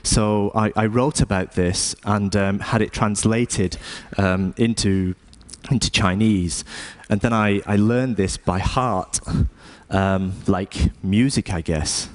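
A man from the UK, an artist giving a staged talk in a wry, unhurried way. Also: on the low side, fairly even intonation.

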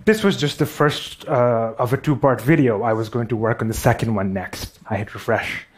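A man's voice: mid-range voice, normal speed, slightly rough. A man with a Pakistani accent giving a storytelling talk on stage, wry and self-deprecating.

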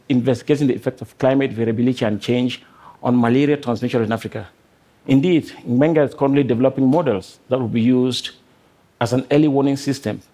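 A middle-aged man from Cameroon, a scientist giving a prepared talk on stage, speaking earnestly in short measured phrases. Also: mid-range voice, dark tone. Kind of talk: prepared talk to a live audience.

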